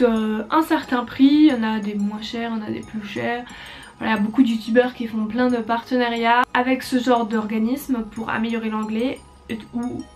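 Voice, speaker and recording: A woman in her twenties chatting casually to camera with lots of fillers and hesitations, giving tips on learning English. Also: high-pitched. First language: French. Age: 20s. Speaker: YouTuber. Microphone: compact camera.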